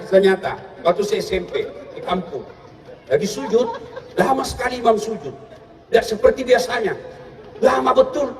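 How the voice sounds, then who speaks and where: A man with a very high-pitched voice delivers a humorous sermon to a live audience, telling stories and shouting out his punchlines. The recording is echoey and the mic sits far from him. A crowd and steady background noise are heard throughout. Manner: lively storytelling, bursts into shouts for punchlines. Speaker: preacher.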